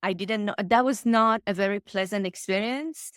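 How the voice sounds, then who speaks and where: Her mid-range voice has a clean tone and a moderate pace, recorded dry at studio quality. She's a coach from Iran, speaking English with slightly distinctive phrasing, earnest and enthusiastic as a guest in a casual podcast interview.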